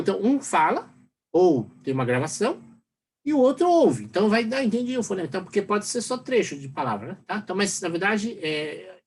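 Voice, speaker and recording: A Brazilian professor giving a recorded lecture, rambling and tagging questions onto most sentences. His pitch swings widely as he explains, and a faint hiss of background noise sits under his voice. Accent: Brazilian Portuguese. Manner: rambling, full of fillers and tag questions. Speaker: university professor.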